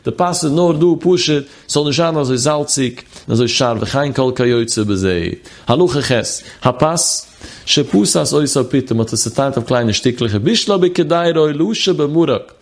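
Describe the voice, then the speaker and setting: Speaking at a moderate pace in a mid-range voice, this male religious teacher gives a chanted text study lesson, sing-songing phrases and following each with an explanation.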